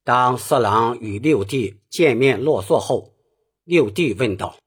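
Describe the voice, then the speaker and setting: A man teaches Peking opera singing at an unhurried pace, patiently explaining each phrase before he sings it. His voice is a little husky, and his pitch moves freely as he explains. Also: lively intonation. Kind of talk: spoken singing lesson.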